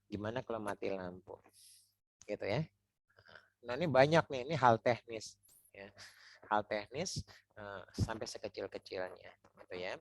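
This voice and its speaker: A man's voice: mid-range voice, dry recording. A man teaching public speaking in a loose, chatty way, repeating words, restarting sentences and tagging them with little checks to the listener. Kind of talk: informal teaching talk.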